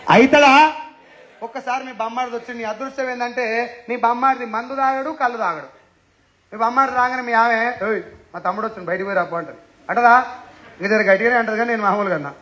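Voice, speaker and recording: Male seminar speaker, Telangana accent, bright and forceful, teasing rhetorical style, lo-fi sound. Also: very high-pitched. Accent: Telangana Telugu. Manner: teasing, fires rhetorical questions at listeners. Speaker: motivational speaker addressing an audience. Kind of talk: lively seminar talk.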